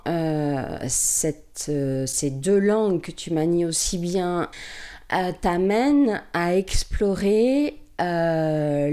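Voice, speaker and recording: A woman interviewing a guest, asking long, halting questions with frequent pauses. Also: lowish voice, warm tone. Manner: halting, searching questions with fillers. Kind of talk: interview conversation.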